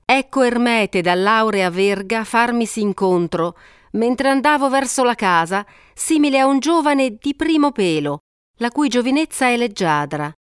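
A woman narrating an epic poem aloud in a measured, steady storytelling voice. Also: a little high, smooth, dry recording, studio quality.

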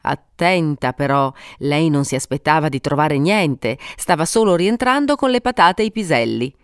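A woman reading a story aloud for an audiobook, slightly low, with smooth, resonant tone. She narrates expressively with dramatic pauses, recorded close and dry. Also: animated, no echo. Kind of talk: scripted narration.

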